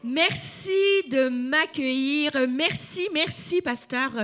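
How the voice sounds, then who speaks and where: A woman's voice: high-pitched, slow, a bit bright. A woman in her fifties with a Québécois accent, preaching a sermon and calling on the congregation to respond. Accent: Québécois French. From Quebec. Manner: emphatic, calls on the congregation to respond. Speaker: guest preacher.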